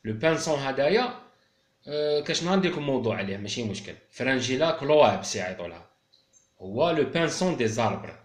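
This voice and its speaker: A man's voice: medium pitch, big pitch swings, quick pace, roomy sound. A man with an Algerian accent, a bird keeper explaining things casually and speaking directly to his viewers.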